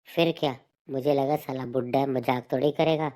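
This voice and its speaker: A man's voice: medium pitch, fairly even intonation, normal speed, darkish tone. A man hosting a comedy joke channel, telling jokes and playing out comic sketches. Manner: jokey storyteller. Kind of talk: comic skit narration and dialogue.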